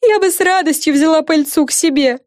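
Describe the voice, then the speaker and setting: A woman's voice: high voice, fairly quick, a little mellow, no echo, studio quality, voice pushed up, natural voice. A woman voicing a vain, bossy young fairy girl in a storybook reading, talking in a self-important way. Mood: showy.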